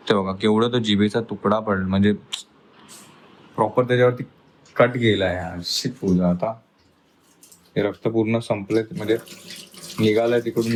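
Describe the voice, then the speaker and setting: A man speaking in a casual home vlog, a father gently coaxing and soothing his young daughter indoors. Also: on the low side, steady tone, moderate pace, pauses often, slight background noise, rough recording. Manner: coaxing and soothing toward a child. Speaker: father and family vlogger.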